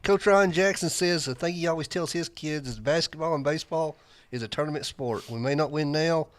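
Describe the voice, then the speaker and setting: A man's voice: fairly high pitch, brisk, dry recording. A man co-hosts a live sports podcast and tells stories from the stands. He talks in a chatty, chuckling way. His voice is recorded dry and close. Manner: storytelling, chuckling. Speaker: podcast co-host. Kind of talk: casual sports chat.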